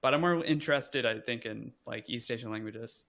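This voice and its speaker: A young adult man with a gravelly, mid-range voice speaks at a moderate pace as a podcast guest in a casual conversation. He rambles comfortably, fills gaps with "like," and adds self-deprecating asides.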